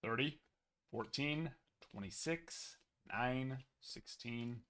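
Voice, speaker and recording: Speaking slowly at a medium pitch, a young male host chats casually during a live card break. He runs through numbers in an even list while his voice gets tired and starts to go.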